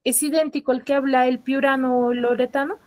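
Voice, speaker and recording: A woman teacher from the highlands, giving an online class and checking in with her students through frequent tag questions. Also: fairly even intonation, fairly quick, a little mellow. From Peruvian highlands.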